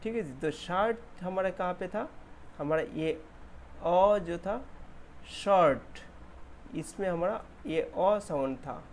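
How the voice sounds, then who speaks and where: Slow, patient man teaching vowels. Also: high-pitched, slight background noise. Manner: repeats words slowly, stretching the vowels. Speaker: English pronunciation teacher. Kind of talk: slow classroom explanation with drawn-out example words.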